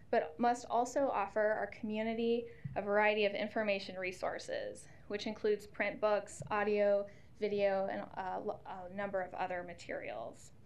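Earnest woman testifying at a council podium. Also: medium pitch. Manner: steady, earnest advocacy. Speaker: nonprofit CEO testifying. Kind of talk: reading a prepared statement. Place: council chamber. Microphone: podium microphone.

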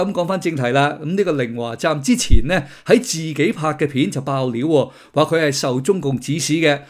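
A middle-aged man, hosting a casual political commentary with sardonic, mocking asides. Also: on the high side. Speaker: host of a commentary channel.

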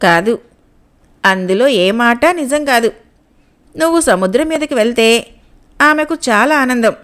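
A knowing young sea maiden from a storybook, as a woman reading the tale puts her on. The voice is high and sits up in the head, calm and unhurried as she states hard truths without fuss. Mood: knowing, scornful.

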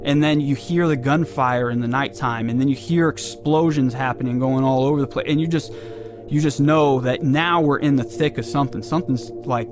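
A man's voice: medium pitch, moderate pace, music in the background. A man from California, a military veteran, recalling his service in a loose, conversational way full of casual fillers. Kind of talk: casual recollection.

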